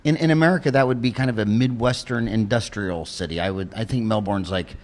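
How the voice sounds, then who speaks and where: Chatty joking American man interviewer. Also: on the low side. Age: 50s. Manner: chatty, joking, asks rapid questions. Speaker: podcast host. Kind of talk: casual interview.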